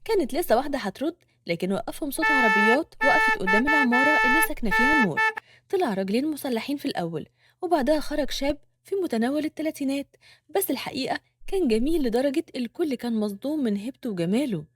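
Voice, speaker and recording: A woman with an Egyptian accent narrating a dramatic serialized story in brisk, scripted narration. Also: high-pitched, expressive, heavy background noise.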